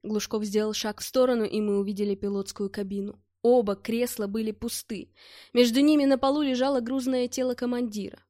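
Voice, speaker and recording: Expressive woman reading an audiobook. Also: fairly high pitch, fairly quick, no room sound. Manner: expressive storytelling. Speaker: audiobook narrator. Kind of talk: audiobook narration. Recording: dry close studio sound.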